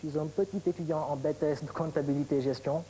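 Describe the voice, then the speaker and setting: A man's voice: on the high side, fairly even intonation, quick pace, dark tone, a little hiss or hum, poor audio. A young man from Senegal, a quiz contestant speaking politely and formally in a TV studio. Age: young adult.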